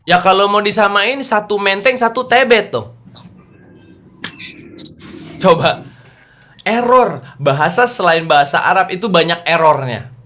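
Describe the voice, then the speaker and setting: A man with a slightly raised voice leads a lively lesson for teenagers over a video call. He keeps it playful and animated, tossing questions at his listeners. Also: high-pitched, measured pace, pauses often. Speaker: youth religious class teacher. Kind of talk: lively lecture to teens.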